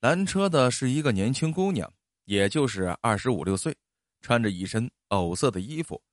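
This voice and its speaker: A man narrating a story in an expressive, animated storytelling style. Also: medium pitch, normal speed, no echo, studio quality.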